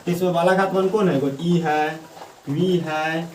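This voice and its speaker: A male Hindi grammar teacher gives a class lecture, often asking questions and answering them himself, and slowly repeating points for dictation. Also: on the high side, steady tone, slight background noise. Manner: slow, drawn-out dictation at times. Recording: echoey room, voice from the mic's far side.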